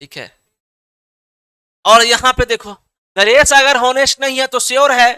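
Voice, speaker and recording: High-voiced, bright male teacher. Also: steady tone, measured pace, smooth. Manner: coaxing, repetitive, checks understanding often; reads answers aloud from students. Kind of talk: online exam-prep class.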